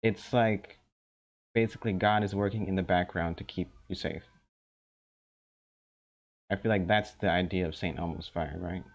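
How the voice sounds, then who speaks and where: A young man co-hosting a casual podcast chat, talking slowly with many ums and restarts. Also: deep voice, fairly even intonation. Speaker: podcast co-host. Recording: dull lo-fi sound.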